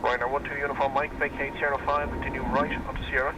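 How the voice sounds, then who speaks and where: Man on a distant radio transmission, quick. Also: mid-range voice, little pitch movement, lo-fi sound. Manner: clipped, rapid radio phraseology. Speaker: air traffic controller. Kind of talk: air traffic control radio calls. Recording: distant radio feed with loud airfield noise.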